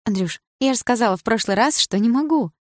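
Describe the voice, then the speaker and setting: A woman reading an audiobook, voicing a gentle, frightened young woman student in a soft, pleading voice that rises into cries. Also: on the high side, animated, fast talker, no room sound, clean studio sound, pitched above the performer's own voice.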